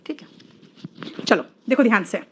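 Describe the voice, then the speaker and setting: A woman teaching an English grammar lesson, coaxing her students and drawing out the example words slowly. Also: on the high side, expressive, slight background noise.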